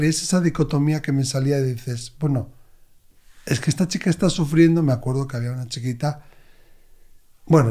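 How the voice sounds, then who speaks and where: A man, a medium, telling expressive stories as an interview guest. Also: a little high. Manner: expressive, animated anecdotes. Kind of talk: conversational storytelling.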